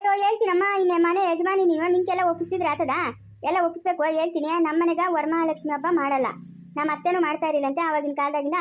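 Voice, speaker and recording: Lady doing a fretful village grandma, chikkaballapur kannada accent, high voice, quick chatter. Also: lightly acted. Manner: anxious, scolding, coaxing. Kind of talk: village family drama.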